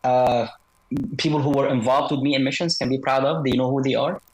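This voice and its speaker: A man speaking through an electronic voice disguise as a guest author in a video-call interview, measured and hesitant with frequent fillers. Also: medium pitch, fairly even intonation, low-quality recording. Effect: voice electronically altered to disguise identity. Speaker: guest author, former special operations soldier.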